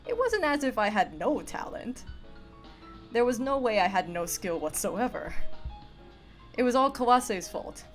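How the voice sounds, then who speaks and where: A woman streamer reading visual novel narration aloud in an expressive, playful way. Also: on the high side, a little slow, long pauses, soft background music. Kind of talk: reading narration with casual asides.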